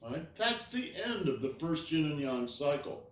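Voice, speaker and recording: A man teaching an online tai chi class, explaining gently and often checking in with "all right?". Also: on the high side, sing-song, moderate pace. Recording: roomy echo.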